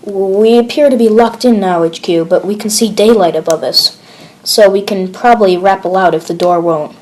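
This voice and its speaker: A rattled male squad leader reporting in over the radio, played by a woman, his words hurried and shaken. An amateur horror audio log, read at home. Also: medium pitch, a little mellow, close to an everyday voice. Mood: tense. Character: nervous male soldier leading a squad.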